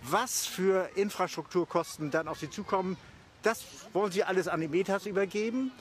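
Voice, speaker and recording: A man's voice: high voice, brisk, a little hiss or hum. An older man interviewed outdoors on a park lawn, arguing his point with frequent hesitations and restarts. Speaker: local resident interviewed. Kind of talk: street interview.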